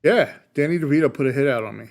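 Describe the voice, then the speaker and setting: A man's voice: fairly high pitch, a little mellow, slight background noise. A man co-hosting a podcast, telling stories in casual chat with frequent fillers and restarts. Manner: storytelling, halting with fillers. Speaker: podcast co-host.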